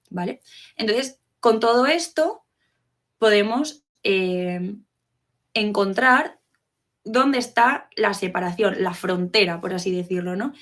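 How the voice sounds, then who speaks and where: A woman giving an explanatory talk to fellow professionals, asking rhetorical questions and checking in often. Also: mid-range voice. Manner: teacherly, poses rhetorical questions, frequent "¿vale?" check-ins. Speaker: educator giving a talk on literacy.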